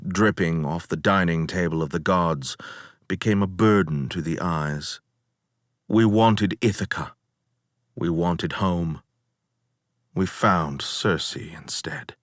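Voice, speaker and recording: Man playing slow, low-voiced, world-weary Odysseus. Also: fairly bright tone, no echo, clean studio sound, exaggerated voice. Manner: measured, theatrical, sardonic, with archaic phrasing. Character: weary, proud, bitter Odysseus's ghost recounting his voyage. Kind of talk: dramatic poetic monologue reading.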